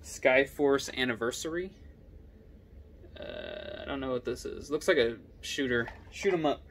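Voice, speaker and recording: A young man casually running through his video game collection, giving quick offhand comments on each title. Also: mid-range voice, huge pitch swings, creaky, slight background noise. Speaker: gaming YouTuber.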